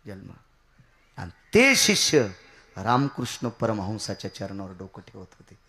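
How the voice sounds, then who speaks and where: Man, kirtan preacher, bright forceful tone, sudden shouted high bursts. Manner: swings from shouted high-pitched outbursts to low quiet asides. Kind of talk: devotional kirtan sermon.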